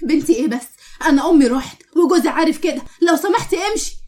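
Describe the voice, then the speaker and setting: A woman's voice: sits high, lively intonation, quick pace, a little mellow. A woman with an Egyptian accent voicing a bitter, harsh young married daughter who speaks sharply. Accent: Egyptian Arabic.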